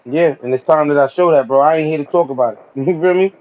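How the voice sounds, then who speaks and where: A man's voice: a little high, fast talker, a little mellow, lo-fi sound. A man, a guest battle rapper talking in a casual podcast chat, emphatic and heavy on street slang. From Brooklyn, New York. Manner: street slang, emphatic, repetitive "you feel me".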